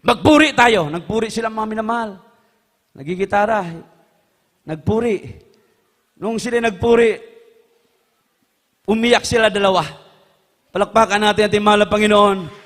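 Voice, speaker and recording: A man preaching a sermon, impassioned, swinging from hushed tones to shouts. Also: high voice, steady tone, moderate pace, long pauses, in a large hall.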